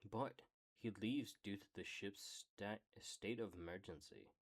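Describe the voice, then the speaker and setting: Low-voiced man reading aloud slowly. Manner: casual, swears in side remarks. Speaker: streamer reading a book aloud.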